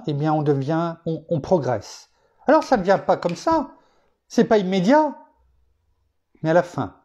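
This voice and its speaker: A man from France preaching a sermon, teaching reflectively with personal anecdotes and rising emphatically in pitch to stress his points. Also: dark tone.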